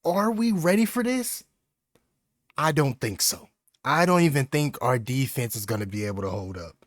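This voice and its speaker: A young man giving live commentary over his own football video game, talking to himself and bursting into yells on big plays. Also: medium pitch, lively intonation, normal speed, dry recording, studio quality. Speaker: gaming YouTuber.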